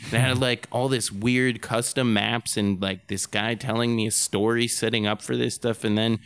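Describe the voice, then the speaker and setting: A man's voice: on the low side, gravelly, clear, resonant tone, no echo. A man co-hosting a casual gaming podcast, telling anecdotes with lots of "like" and some swearing. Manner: animated storyteller, swears, says "like" often. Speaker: podcast co-host.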